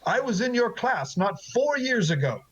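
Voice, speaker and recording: A man's voice: sits high, sing-song, unhurried, husky, full character voice. A man voicing a young male former student who speaks indignantly while holding back his anger, on dull lo-fi audio.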